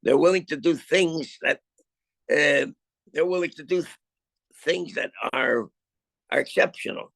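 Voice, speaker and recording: An older man telling his own story in a video-call interview, halting with many restarts and repeated words, then landing his points emphatically. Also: on the high side, vocal fry, a bit bright, dry recording. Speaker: film subject interviewed about his life.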